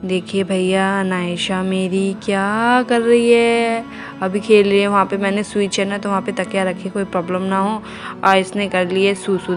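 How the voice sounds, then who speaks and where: A young woman from India, narrating her day at home casually to viewers while minding her baby. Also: medium pitch. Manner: chatty, homely, talks to viewers and baby. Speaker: vlogger mother. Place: home indoors.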